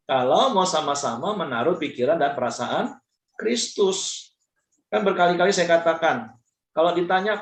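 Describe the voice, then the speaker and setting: Male pastor, animated sermon delivery, higher voice, echoey recording. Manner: animated, acts out quoted people in changing voices. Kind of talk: sermon talk.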